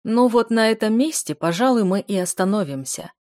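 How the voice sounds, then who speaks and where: A woman voicing a calm, powerful older male rector of a magic academy who speaks with dry mockery, in an audiobook reading. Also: lowish voice, normal speed, natural voice.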